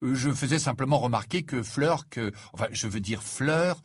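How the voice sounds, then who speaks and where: A man's voice: mid-range voice, lively intonation, moderate pace, husky, no echo, clean studio sound. A man voicing a hesitant, somewhat awkward teenage boy in a storybook reading. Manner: hesitant, stumbling.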